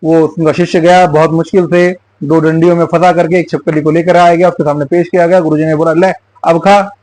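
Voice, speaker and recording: A man's voice: fairly high pitch, level tone, quick pace, a little mellow, no room sound, rough recording. A man hosting his own channel, giving political commentary through an emphatic, repetitive folk tale. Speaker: YouTube channel host.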